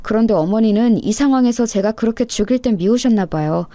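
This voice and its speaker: A woman's voice: on the high side, brisk, dark tone, dry recording. A woman reading a dramatic first-person story, in an aggrieved, confessional tone. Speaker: story narrator.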